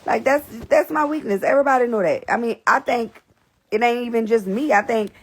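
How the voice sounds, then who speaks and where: This young woman hosting a livestream talks to viewers in a fairly high voice and at a brisk clip. Casual and blunt, she curses, repeats herself, and seems out of breath.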